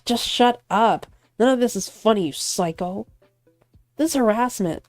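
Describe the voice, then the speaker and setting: A woman's voice: lowish voice, animated, moderate pace, darkish tone, no echo, faint music behind, lightly acted. A woman voicing an irritable young male actor who snaps angrily at his rival. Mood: annoyed. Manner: irritated, snapping. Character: hot-tempered young male actor narrator.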